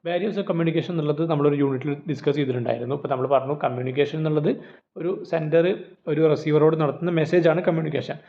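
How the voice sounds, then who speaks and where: Male lecturer, quick and slightly high, narrow phone-like sound, asks his class rhetorical questions. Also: vocal fry, dark tone, slight background noise. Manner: explains with rhetorical questions and everyday examples. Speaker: teacher. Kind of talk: exam-prep lecture.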